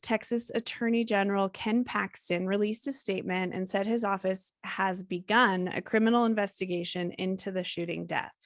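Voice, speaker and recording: A woman with a mid-pitched voice co-hosts a true-crime podcast and reads court statements aloud. She adds dry, sarcastic asides, and her voice sounds close and dry with no room echo. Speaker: podcast co-host.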